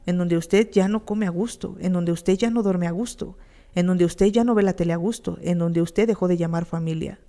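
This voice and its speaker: A woman's voice: fairly low pitch, warm tone. A woman with a Mexican accent giving a blunt, emphatic motivational talk on a radio show, full of crude slang and runs of rhetorical questions.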